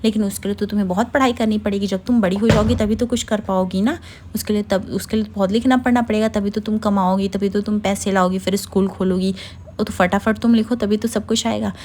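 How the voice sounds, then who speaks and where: A patient young woman from a TV drama softly coaxes a girl into her lessons, read by a woman narrator. The words come quickly and gently, at a middling pitch. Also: fairly even intonation, slight background noise, lightly acted. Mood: coaxing. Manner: coaxing, soft.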